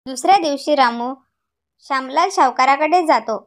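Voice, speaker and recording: A woman's voice: high voice, normal speed. A woman narrator reading a scripted moral story for a cartoon.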